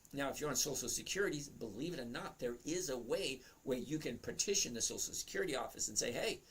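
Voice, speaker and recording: A husky-voiced man hosts a casual trading livestream. He chats loosely, cracks jokes and answers viewers by name. His voice sits at a middling pitch. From Boston area. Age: 60s. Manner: chatty, jokey, talks straight to viewers by name. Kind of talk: casual livestream chat reading viewer comments.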